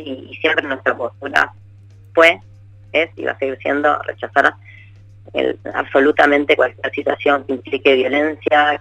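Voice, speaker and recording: Brief: a man with a somewhat high, gravelly voice, calling in over a choppy bad connection and explaining in a formal, measured way. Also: a bit bright, no echo. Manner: measured and formal, stresses key words. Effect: choppy bad phone connection. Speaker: government minister interviewed by phone. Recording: dull, dry, choppy phone line.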